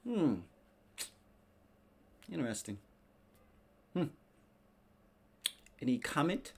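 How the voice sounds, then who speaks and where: Here a man with a rather high, sing-song voice talks very slowly in a darkish tone. As host of a casual commentary show, he rants, mimics others, and leans on slang, sarcasm, and profanity. Noise is clearly present behind him.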